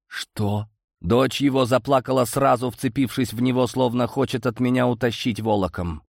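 A man's voice: mid-range voice, fairly even intonation, brisk, creaky, no room sound, clean studio sound. A man narrating a first-person audiobook story.

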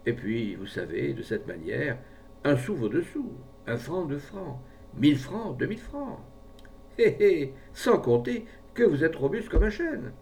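A man's voice: medium pitch, big pitch swings, measured pace, gravelly, a little mellow, distant mic, a little hiss or hum. Man playing a scheming, wheedling pharmacist. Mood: coaxing. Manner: persuasive, wheedling, falsely jovial. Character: scheming smooth-talking male pharmacist.

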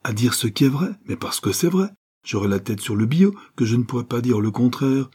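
A man's voice: medium pitch, lively intonation, fairly quick, a little mellow, breathy edge, voice pushed up. A man playing a blunt, stubborn country poacher. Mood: defiant. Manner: blunt, exasperated outbursts.

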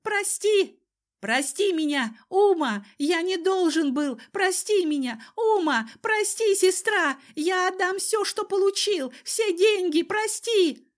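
A woman voicing a cowardly young man who screams and begs in a shrill, sobbing voice. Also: measured pace, hardly any pauses. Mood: begging. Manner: begging and screaming.

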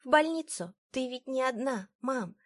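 A woman voicing a gentle, earnest five-year-old boy who speaks quietly and tenderly. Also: sits high, animated, moderate pace, no echo, clean studio sound, pitched above the performer's own voice.

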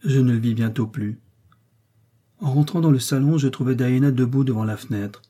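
A man narrating a classic novel as an audiobook reader, in a measured, even reading style. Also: medium pitch, slightly rough. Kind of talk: scripted narration.

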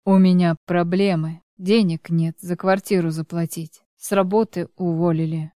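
A down-on-his-luck divorced man in a spoken story, read by a woman, sullen and pleading. The voice stays smooth and resonant, recorded close and dry. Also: on the low side, fairly even intonation, moderate pace, mellow, no echo, natural voice.

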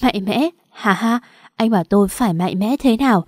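A distraught young mother cries out and begs in a raised, loud voice, as a woman narrator puts her on. The tone is mellow and warm, recorded close and dry. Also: mid-range voice, normal speed, no room sound, lightly acted. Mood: anguished. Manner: sobbing, desperate pleading.

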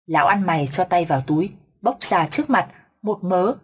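A woman narrating a ghost story in a steady, measured way, with a husky voice. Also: on the low side.

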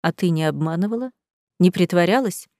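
A woman voicing an angry young groom who talks in harsh, low, menacing tones in an audiobook. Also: animated, fairly quick, darkish tone, no echo, studio quality. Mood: scornful. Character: angry young man, bitter and contemptuous groom.

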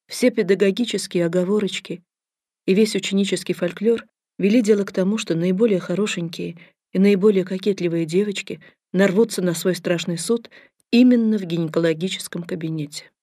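A woman's voice: mid-range voice, fairly quick, mellow, no room sound, clean studio sound. A woman narrating a first-person story as an audiobook reader, in a wry, ironic tone.

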